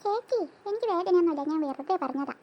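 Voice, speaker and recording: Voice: very high-pitched, expressive, quick pace, dull audio, a little hiss or hum. A voice actor doing a whiny cartoon little sister. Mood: pleading. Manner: whiny and dramatic, breaks into sobbing pleas. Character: excitable little girl, the younger sister.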